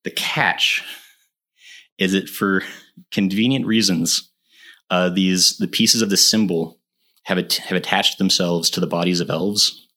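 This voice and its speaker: Deep-voiced man chatting on a podcast. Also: fairly even intonation, a little slow, pauses often, bright, forceful tone. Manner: enthusiastic, laughs often, many fillers. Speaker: podcast co-host. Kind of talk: casual chat.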